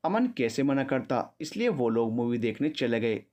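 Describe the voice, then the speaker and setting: A man narrating a scripted story in a steady, even storytelling manner. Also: medium pitch, moderate pace, highs cut off.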